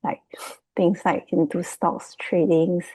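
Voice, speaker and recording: On a remote video call, a Singaporean woman with a Singaporean accent speaks as a guest and property investment student, giving a casual, unscripted presentation that is hesitant and loosely phrased. Her voice is lowish, level, slow and mellow, with no room sound but poor audio quality.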